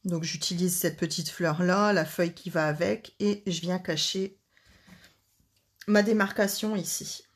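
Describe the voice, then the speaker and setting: A woman's voice: on the low side, fairly even intonation, unhurried. A woman hosting a casual live card-making demonstration, chatting and joking with her viewers as she works.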